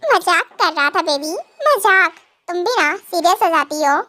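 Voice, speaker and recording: A woman's voice: very high voice, expressive, moderate pace, pushed and bright, no echo, voice pushed down, exaggerated voice. A woman voicing a playful, teasing young husband in a fan audio drama, joking and calling his wife baby.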